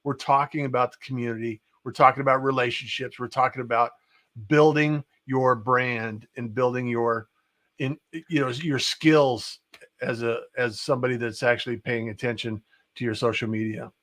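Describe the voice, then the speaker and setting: Measured man hosting a casual show. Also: medium pitch, fairly even intonation, a bit bright. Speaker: show host.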